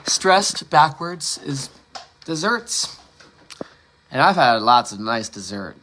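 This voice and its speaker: A man talks into his phone outdoors in the early morning, meandering and frank, with plenty of swearing and half-finished thoughts. His voice is bright and forward, and a faint hiss of outdoor ambience sits behind him. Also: medium pitch, sing-song, slow. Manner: candid, profane, meandering with many restarts. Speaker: livestream host. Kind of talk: casual rambling monologue. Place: outdoors in a suburban yard before dawn.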